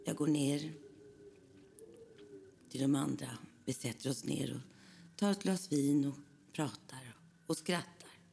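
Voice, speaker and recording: A woman narrating a spooky first-person ghost story in a hushed voice that often slips into whispers. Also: low voice, creaky, pauses often, a little hiss or hum.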